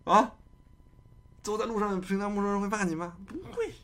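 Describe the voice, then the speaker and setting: A man's voice: high-pitched, steady tone, a little fast, a bit bright. A man hosting a casual livestream chat, arguing his case with many rhetorical questions. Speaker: streamer host.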